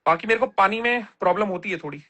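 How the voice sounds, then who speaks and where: A man's voice: high voice, fast, bright, forceful tone. A man on a casual livestream, reading viewer comments aloud and answering them bluntly with plenty of slang.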